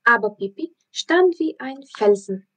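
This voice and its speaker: Slow careful woman narrating a storybook. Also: a little high. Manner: slow, careful, expressive reading. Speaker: language teacher reading aloud. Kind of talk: audiobook narration.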